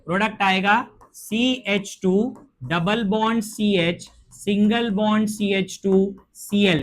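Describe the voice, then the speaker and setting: High-voiced man teaching chemistry. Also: fairly bright tone. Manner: slows to dictate English terms, asks and answers own questions. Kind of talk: classroom lecture.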